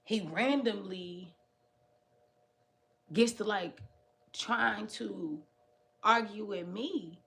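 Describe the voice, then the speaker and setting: A young woman vlogger telling a story in casual, slangy chat, animated and often addressing her viewers directly. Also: mid-range voice, very slow, gravelly, pauses often.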